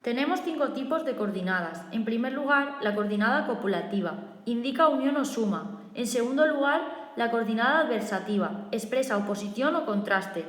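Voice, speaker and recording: A female teacher with a Spanish accent reading a recorded review lesson in a steady, methodical way, listing points one by one. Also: a little high, moderate pace, few pauses. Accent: Spain. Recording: echoey room with long reverb.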